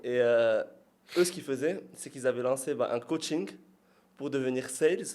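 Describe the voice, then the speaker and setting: A man's voice: medium pitch, normal speed, darkish tone. Hesitant man rambling in casual chat. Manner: hesitant, rambling, self-conscious, laughs at himself. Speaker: podcast guest and business partner.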